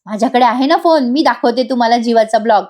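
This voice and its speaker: A woman's voice: fairly high pitch, fast, a little mellow, natural voice. A woman voicing a cheerful, affectionate young daughter-in-law who coaxes and teases.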